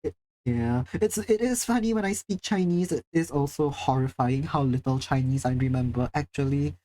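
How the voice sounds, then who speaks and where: A warm, medium-pitched voice at a moderate pace, heard over poor audio, belongs to a Singaporean streamer casually reading chat. They keep up a chatty, self-deprecating flow with the odd swear.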